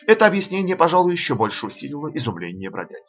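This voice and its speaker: A man reading a novel aloud as audiobook narrator, with steady, measured storytelling. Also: on the high side, highs cut off. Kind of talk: scripted narration.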